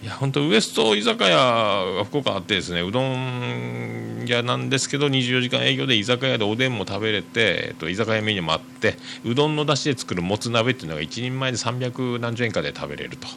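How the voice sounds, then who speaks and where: A man hosting a podcast, reading listener mail aloud and chatting casually in a rambling, hesitant way full of drawn-out fillers. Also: mid-range voice, lively intonation, gravelly, sharp tone, a little hiss or hum. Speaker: podcast host.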